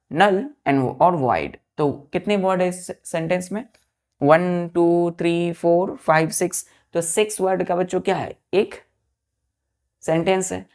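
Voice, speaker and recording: With an Indian accent and a lowish, darkish voice, a woman teaches a vocabulary lesson. She spells words out letter by letter, repeats them, calls her students children and asks them check questions.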